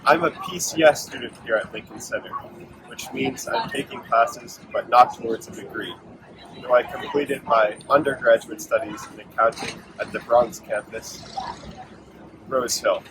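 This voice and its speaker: A man's voice: medium pitch, fairly even intonation, normal speed. A young adult man narrating a guided campus tour as a student guide. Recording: clear background noise.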